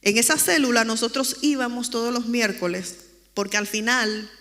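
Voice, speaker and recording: A woman's voice: fairly high pitch, steady tone, moderate pace, fairly bright tone, in a large hall. A woman giving an earnest, emotional personal testimony during a church interview. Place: church sanctuary.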